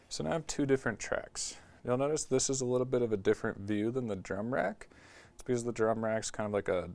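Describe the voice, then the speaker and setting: A man casually walking through a music production tutorial in his studio, talking into a talkback mic with lots of "like" and "um". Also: on the low side. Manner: relaxed, filler-heavy explaining with frequent "like" and "um".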